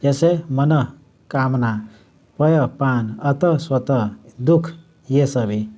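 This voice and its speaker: A man teaching a Hindi grammar lesson for exam prep, explaining step by step, restating points and slowly drawing out the example words. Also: mid-range voice, warm tone.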